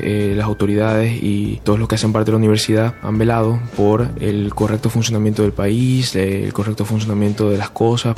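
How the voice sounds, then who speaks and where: A young man from Venezuela, a medical student, answering haltingly in an interview with many restarts. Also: fairly low pitch, a little mellow. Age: young adult. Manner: halting, with repeats.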